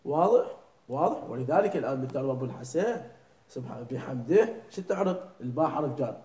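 A man teaches a lesson on prayer recitation, drilling pronunciation slowly and checking that his students understand. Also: mid-range voice, animated, warm tone. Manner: keeps checking understanding with short questions. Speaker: religious teacher. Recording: echoey room.

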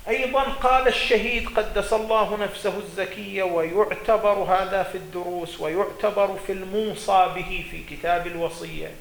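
A man's voice: high-pitched, fairly even intonation, a little fast, creaky, hardly any pauses, fairly bright tone, slight background noise. Man lecturing on religious law. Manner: reads quoted texts aloud then explains them, with some restarts. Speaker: religious scholar teaching jurisprudence. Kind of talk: seminary lecture reading and explaining texts. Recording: echoey room with faint ambience.

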